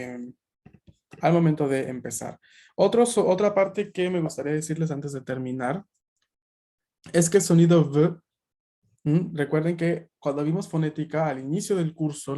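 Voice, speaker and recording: A man's voice: a little high, warm tone. A man teaching a beginners' Japanese class over a video call, explaining patiently with frequent check-in questions. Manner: explanatory, many filler checks. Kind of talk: online language class.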